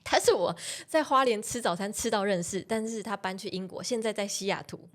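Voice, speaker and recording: A young woman, a podcast guest telling personal stories in a casual, animated way and laughing often. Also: medium pitch, brisk. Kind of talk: casual storytelling chat.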